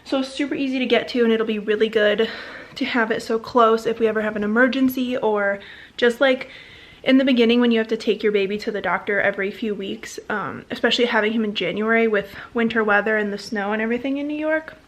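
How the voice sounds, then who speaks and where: A woman's voice: on the high side, steady tone, quick pace. A young woman in her twenties chatting casually to the camera at home, bubbly and rambling. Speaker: vlogger. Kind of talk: casual chat. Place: home, indoors.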